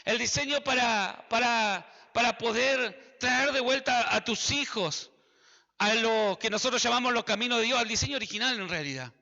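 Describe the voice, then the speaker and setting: A man's voice: very high-pitched, gravelly, sharp tone, big-room sound, dull audio. A man with an Argentine accent preaching a sermon, emphatic and repetitive, speaking straight to his listeners. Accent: Argentine Spanish. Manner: emphatic, repeats phrases, addresses listeners directly.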